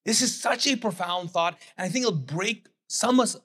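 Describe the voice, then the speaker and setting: Preaching in a chatty way, a middle-aged man of Pakistani heritage who grew up in Kuwait, and for whom English isn't a first language, voices imaginary characters and lets the congregation fill in his words. He sounds high, bright, forceful and slightly rough, speaking at normal speed.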